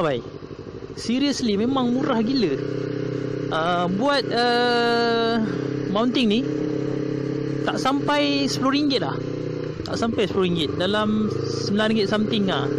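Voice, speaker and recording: Young Malaysian man, high voice, chatty helmet-cam vlogger, loud road noise behind. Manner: chatty, many fillers, mixes English words. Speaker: motovlogger. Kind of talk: casual vlog chat. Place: outdoors on a motorcycle on a wet road in rain. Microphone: helmet or bike-mounted action camera.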